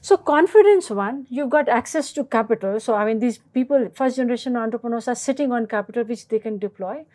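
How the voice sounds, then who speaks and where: A woman's voice: fairly high pitch, brisk, few pauses, darkish tone. A woman moderating a panel conversation, probing and summing up what others say.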